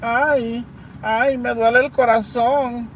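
Guy imitating a whiny crybaby critic, high fake sobbing, ay ay ay. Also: steady tone, slow pace, a bit bright, far from the mic, slight background noise, heavily acted. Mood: mock-weepy. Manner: mocking wails of "ay, ay".

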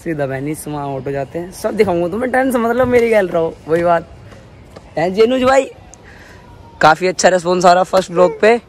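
A man's voice: sits high, animated, brisk, slight background noise. A young man hosting a casual vlog, chatting and teasing friends, filmed on a phone held at arm's length. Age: young adult. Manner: chatty, teasing, loud bursts. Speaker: vlogger. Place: home rooftop and streets, outdoors and indoors.

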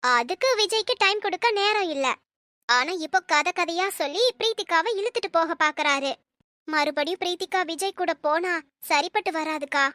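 A woman voicing a worried young woman in an animated cartoon, explaining things earnestly. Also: extremely high pitch, moderate pace, dry recording, studio quality.

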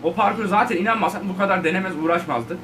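A man giving casual, excitable commentary on his gameplay, talking straight to his viewers and shouting at the game. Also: sits high, racing, distant mic, over music. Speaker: gaming video host.

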